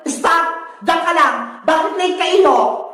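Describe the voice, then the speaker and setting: A woman's voice: very high-pitched, animated, a bit bright, full character voice. A woman voicing a strict, stern female schoolteacher in a cartoon, lecturing her class. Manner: stern, lecturing, slow commands. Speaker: class advisor. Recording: very echoey room.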